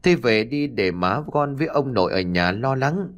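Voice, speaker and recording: A man voicing a patient village father who gently coaxes his daughter. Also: medium pitch, expressive, normal speed, muffled recording, natural voice. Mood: soothing. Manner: soothing, coaxing.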